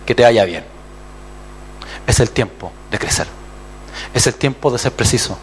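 A man's voice: mid-range voice, measured pace, slight background noise. A man with a Chilean accent preaching a sermon as pastor, acting out other voices and calling for amens. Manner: animated, acts out voices and calls for amens.

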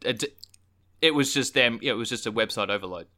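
An Australian man chatting casually as a podcast co-host, in halting phrases. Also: medium pitch, pushed and bright. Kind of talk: casual chat.

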